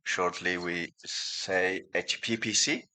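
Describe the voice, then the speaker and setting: Man from ethiopia giving a talk, really low voice but bright, lots of uhs. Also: fairly even intonation, slow pace. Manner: hesitant, frequent fillers. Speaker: conference presenter. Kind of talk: conference presentation. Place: large conference hall.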